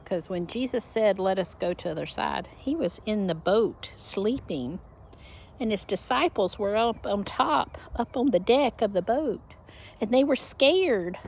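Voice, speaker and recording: An older widowed woman talking slowly and heartfelt in a casual personal vlog recorded at home. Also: mid-range voice, animated, darkish tone, a little hiss or hum. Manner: slow, rambling, heartfelt. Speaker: vlogger.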